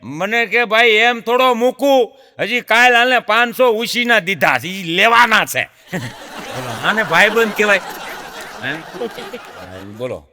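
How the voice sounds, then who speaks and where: Bright-voiced Gujarati man telling folk jokes. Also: high voice, slow, big-room sound. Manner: lively folk storyteller, addresses audience as sir. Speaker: comedian. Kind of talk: stand-up folk comedy storytelling.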